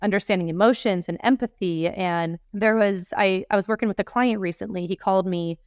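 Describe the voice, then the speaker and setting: A woman's voice: mid-range voice, fairly even intonation, brisk, dry recording, clean studio sound. A woman leadership coach in her thirties, telling candid, reflective stories in a podcast interview.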